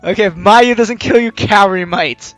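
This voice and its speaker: At normal speed, a mid-range, fairly bright voice delivers jokey, teasing let's play commentary and reads the game's story aloud. Game music runs behind him.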